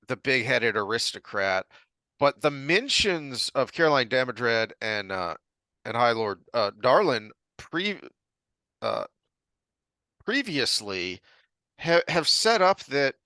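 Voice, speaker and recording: A man co-hosting a podcast, talking casually and thoughtfully, pausing often with ums and restarts. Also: medium pitch, bright, forceful tone, clear, resonant tone, dry recording. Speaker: podcast co-host. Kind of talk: casual chat.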